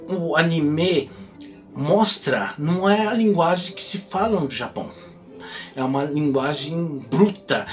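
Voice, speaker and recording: A man hosts a casual advice vlog in a fairly high, very lively voice that jumps around a lot. He keeps it chatty, tagging his phrases with little questions, and slips into exaggerated voices when he quotes others. Soft music plays faintly behind him. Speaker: host.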